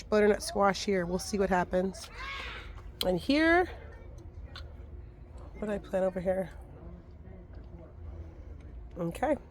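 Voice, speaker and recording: Raspy-voiced woman with a cold. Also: medium pitch, a little mellow, slight background noise. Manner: upbeat, thankful, points things out. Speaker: gardening vlogger. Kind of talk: casual garden tour. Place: outdoor home garden.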